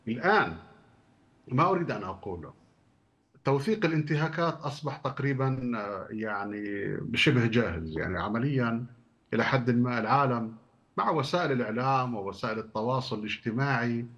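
A male human rights adviser speaks on a news panel in a measured, explanatory way. His voice is in a middle pitch range. The remote audio sounds dull and muffled. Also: expressive, a bit bright. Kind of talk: analytical commentary.

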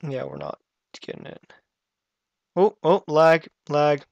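A man's voice: on the high side, huge pitch swings, slow pace, creaky, dry recording, highs cut off. A man chatting casually over a let's-play game, flustered at times and dry and offhand. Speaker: gameplay commentator.

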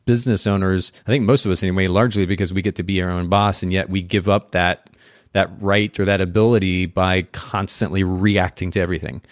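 A man's voice: low voice, steady tone, brisk, dry recording, clean studio sound. A man hosting a podcast interview, thoughtful and conversational, often repeating words as he restarts his sentences. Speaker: podcast host.

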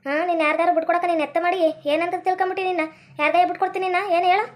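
Brief: high, quick woman, scolding sketch comedian. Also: flat delivery. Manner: scolding, quarrelsome village banter. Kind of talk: comic sketch acting.

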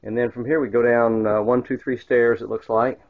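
A man with a mid-range, level voice speaks at a moderate pace as he films a walk-through of a yacht's small wood-paneled cabins, rambling with fillers and restarts. The handheld camera mic yields dull lo-fi camcorder audio with no room sound.

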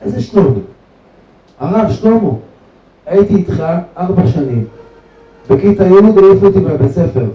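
A man's voice: high voice, expressive, long pauses, pitched above the performer's own voice. A man voicing a remorseful young man of twenty-eight who pleads, in a story told during a sermon. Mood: pleading. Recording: echoey, distant, dull lo-fi hall recording.

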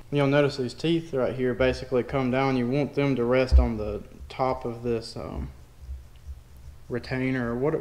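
A plainspoken DIY mechanic talks through a tool demonstration in his indoor garage, keeping the hands-on tutorial informal and folksy. He has a medium-pitched, darkish voice, and the recording carries a bit of hiss or hum.

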